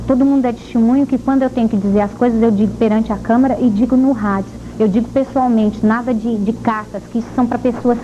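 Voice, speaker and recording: Woman on old vhs tape, firm and sure of herself, slightly high voice, mellow and muffled. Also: fairly even intonation, quick pace, hardly any pauses. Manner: firm and assertive. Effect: old VHS tape recording. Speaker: association president, interview guest. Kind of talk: TV news interview answers. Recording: dull lo-fi old VHS tape with faint hiss.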